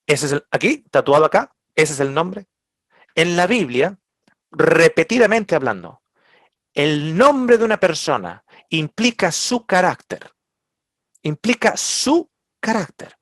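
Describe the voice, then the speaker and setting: Male preacher, lively higher voice, dry close mic. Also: no echo. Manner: emphatic, slows down to stress words and drops to a near whisper. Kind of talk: sermon.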